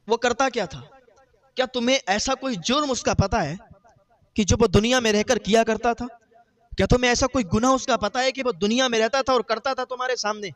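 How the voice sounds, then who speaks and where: ایک آدمی جو وعظ میں دہرائے جانے والے جملوں کے ساتھ ایک اخلاقی قصہ سناتا ہے۔. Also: male voice, sits high. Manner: retells a moral tale with quoted dialogue, repetitive phrasing. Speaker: preacher. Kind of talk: sermon storytelling.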